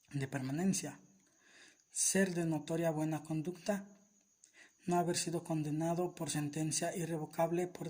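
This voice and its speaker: A man reading aloud a summary of a law in a formal, steady, list-like way. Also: fairly high pitch. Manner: steady, even, list-like delivery. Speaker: reader of a legal summary. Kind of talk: formal reading of legal text.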